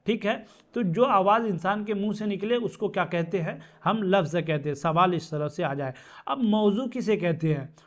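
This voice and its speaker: High-voiced man teaching grammar, lo-fi sound. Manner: asks questions and answers them himself, repeats terms. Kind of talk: grammar lesson. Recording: dull lo-fi sound.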